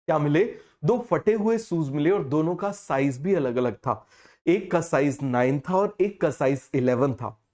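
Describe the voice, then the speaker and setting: A man teaching a biology class, unwell with a fever, who keeps asking questions and repeating the answers slowly. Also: on the high side, expressive, darkish tone. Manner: call-and-response questioning, repeats key terms slowly. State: feverish, speaking slower than usual. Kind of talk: online class lecture.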